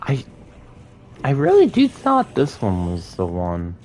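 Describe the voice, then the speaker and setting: A man giving casual gameplay commentary, thinking aloud in a halting, puzzled way. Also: medium pitch, huge pitch swings, darkish tone, slight background noise. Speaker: gaming streamer.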